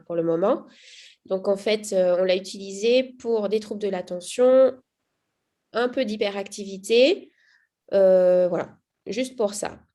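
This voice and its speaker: A woman's voice: medium pitch, warm tone. A woman talks through her experience as a mother in an easygoing, unscripted way. She hesitates often, restarting sentences and filling gaps with small sounds while she searches for words. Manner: hesitant, many fillers and restarts. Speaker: mother giving a testimonial. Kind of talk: casual spoken testimonial.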